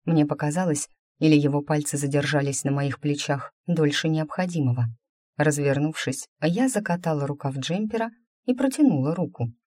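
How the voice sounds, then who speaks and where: A woman's voice: deep voice, normal speed, warm tone, no echo, studio quality. Wry woman narrating a fantasy novel. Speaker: audiobook narrator.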